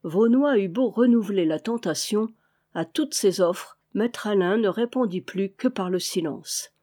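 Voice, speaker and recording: A woman narrating a classic adventure novel aloud in a measured, even storytelling manner. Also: medium pitch. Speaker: audiobook reader. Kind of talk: scripted literary narration.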